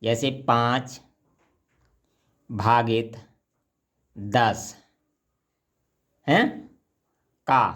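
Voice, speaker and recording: A man's voice: medium pitch, a bit bright. Man teaching math step by step. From India. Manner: patient, step-by-step, often says "ठीक है" and "देखिए". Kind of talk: explaining a math problem.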